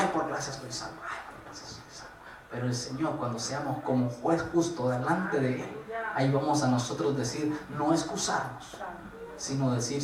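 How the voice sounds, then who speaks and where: A man preaching a church sermon, moving between hushed pleading and shouted exhortation. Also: high voice, far from the mic. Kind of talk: Spanish-language church sermon. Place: church sanctuary with congregation. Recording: echoey church recorded from afar.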